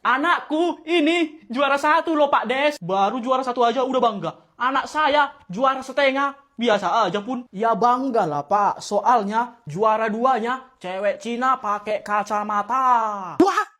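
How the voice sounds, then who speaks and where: High-voiced man acting out comic squabbles. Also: unhurried. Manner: loud, bickering, exaggerated comic delivery. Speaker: comedy sketch creator. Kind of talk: comic sketch acting, many roles.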